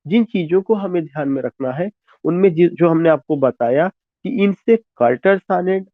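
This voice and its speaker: A man's voice: a little high, expressive, normal speed, no echo. A man with an Indian accent giving an exam-prep literature lecture, switching between Hindi and English, repeating points and spelling words letter by letter. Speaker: teacher. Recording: tinny phone-like dry sound.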